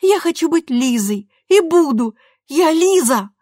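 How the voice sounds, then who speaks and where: Storybook teenage girl, high bright voice, pleading and insistent, played by a woman reader. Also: normal speed, no echo, studio quality, lightly acted. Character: eager, defiant teenage girl wanting to be grown up. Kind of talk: audiobook character voice.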